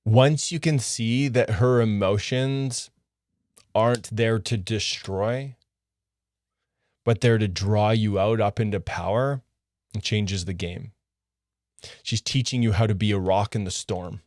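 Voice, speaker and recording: A man's voice: lowish voice, takes it slowly, pauses often, a little mellow, dry recording, studio quality. A man coaching other men on relationships, talking earnestly in short, clipped phrases. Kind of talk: direct coaching monologue.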